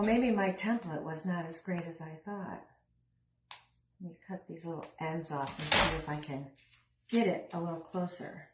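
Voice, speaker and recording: A woman's voice: mid-range voice, darkish tone, echoey room, slight background noise, poor audio. A middle-aged woman chatting casually while she works on a craft, rambling with self-deprecating asides. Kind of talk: casual craft vlog chat.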